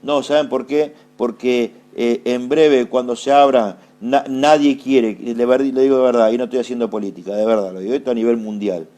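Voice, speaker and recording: Argentine pastor guy preaching, mid pitch voice, fires off questions then answers them, says stuff twice. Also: fairly even intonation, moderate pace, few pauses, dark tone. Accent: Argentine Spanish. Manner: asks rhetorical questions and answers them, repeats phrases for emphasis. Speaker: apostle preaching. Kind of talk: sermon.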